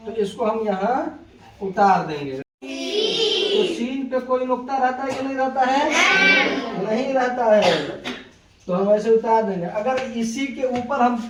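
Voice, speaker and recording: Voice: medium pitch, expressive, slow pace. A teacher giving a classroom lesson, patiently asking the same questions again and repeating the answers to check that students understand. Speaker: Urdu teacher. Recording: roomy, distant, dull lo-fi recording with loud noise.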